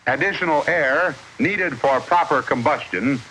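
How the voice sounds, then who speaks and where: A man's voice: a little high, unhurried, bright, forceful tone. A man narrating a 1950s educational film in the formal, instructive manner of an old newsreel narrator. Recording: noisy vintage 1950s film soundtrack.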